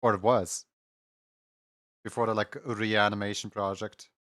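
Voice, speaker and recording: A man's voice: fairly low pitch, flat delivery, a little slow, fairly bright tone, no echo, clean studio sound. A man hosting a livestream, talking casually to his viewers. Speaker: livestream host.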